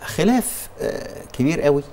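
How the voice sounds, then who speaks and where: A man's voice: on the high side, big pitch swings, normal speed, warm tone, a little hiss or hum. A man with an Egyptian accent answering religious questions in a TV studio, explaining with emphasis and frequent restarts.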